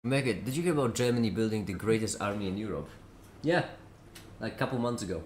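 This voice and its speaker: A man's voice: lowish voice, animated, quick pace, darkish tone, echoey room, slight background noise. A man chatting casually on a live stream while eating, often talking with his mouth full.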